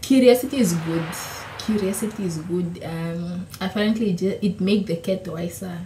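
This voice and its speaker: This YouTuber, a young woman from Namibia who speaks Oshiwambo natively, has a mellow voice on the low side and talks at normal speed. Seated facing the camera in a small indoor room at home, she laughs and corrects herself while casually answering vlog questions, with echo and faint hiss audible.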